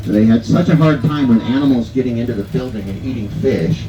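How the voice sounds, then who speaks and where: A man's voice: mid-range voice, fairly quick. Bus tour guy reciting his sightseeing spiel, far from the mic, noisy ride. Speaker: tour bus driver and guide. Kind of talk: rehearsed tour commentary. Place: tour bus on a hill road. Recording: echoey, distant, muffled, noisy vehicle sound.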